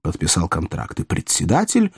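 A man reading a novel aloud in a lively, expressive storytelling manner. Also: low-pitched, moderate pace, gravelly, slightly rough, no room sound, clean studio sound. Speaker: narrator. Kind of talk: audiobook reading.

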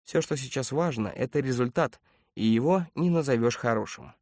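A man doing a calm, precise android. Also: mid-range voice, no echo, studio quality, lightly acted. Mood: clinical calm. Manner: measured, exact, clinical.

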